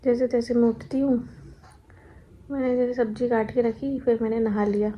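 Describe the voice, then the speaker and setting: Chatting casually at home, a tired young pregnant woman tells stories from her daily life, laughing occasionally. She speaks at normal speed in a level, fairly high voice, and the recording has cut-off highs and a slight hiss or hum.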